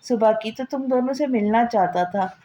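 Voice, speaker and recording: Woman reading as a gentle protective brother. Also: extremely high pitch, moderate pace, rough recording. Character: protective elder brother, young man, gentle.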